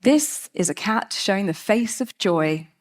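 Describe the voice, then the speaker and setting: A woman giving a lively, chatty talk on stage as a cat behaviour speaker, laughing often. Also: mid-range voice, unhurried. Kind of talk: TED-style talk.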